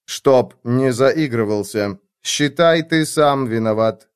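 Audiobook figure: male reader doing a dispassionate overseer, unhurried, detached delivery. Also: medium pitch, smooth, close to an everyday voice. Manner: flat, unhurried, emotionless. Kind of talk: audiobook character voice.

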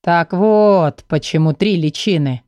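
A woman's voice: lowish voice, takes it slowly, darkish tone, no room sound. A woman reading a clipped police commander. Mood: thoughtful. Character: terse male police commander, brisk.

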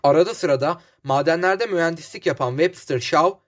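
Male audiobook narrator, slightly high voice, measured storytelling. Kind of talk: scripted narration.

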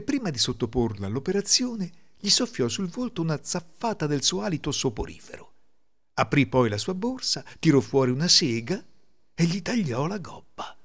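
An Italian man narrating a folk tale in a theatrical, expressive reading. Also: fairly high pitch. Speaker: storyteller.

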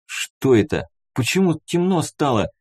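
A man voicing an exhausted, frightened young boy who whines and pleads in a high voice. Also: sing-song, unhurried, darkish tone, breathy edge, heavily acted. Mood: scared. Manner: whiny, pleading.

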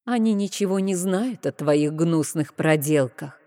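A woman's voice: deep voice, in a large hall. Woman voicing a stern, serene temple priestess. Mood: stern calm. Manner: slow, calm, stern.

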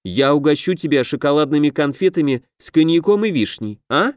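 A feisty young woman adventurer, snappy and quick-tempered, her voice raised into a lighter, higher register, as a male reader puts her on. The audiobook sound is close and dry. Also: no echo, lightly acted. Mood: exasperated. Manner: snappy, lively.

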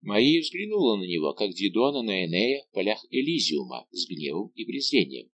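A man narrating a classic novel as an audiobook in a measured, expressive reading. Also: fairly low pitch, no echo. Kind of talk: scripted narration.

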